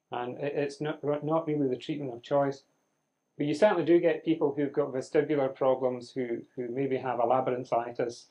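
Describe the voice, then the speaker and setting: A man with a warm, slightly high voice runs a live medical lecture before an audience in a lecture room. His manner is conversational as he quizzes the students with dry humour and puts questions to the class.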